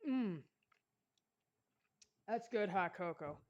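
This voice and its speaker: A woman's voice: medium pitch, expressive, very slow, darkish tone, lo-fi sound, slight background noise. A woman chatting casually through a cooking vlog in her home kitchen, rambling and laughing often between remarks. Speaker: vlogger.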